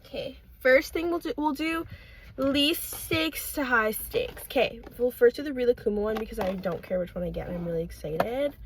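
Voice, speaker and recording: A young woman talks in a high voice, in casual unboxing chat. She is excitable and gushing, prone to exclamations. The recording carries light noise with clicks and handling sounds. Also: moderate pace. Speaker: unboxing vlogger.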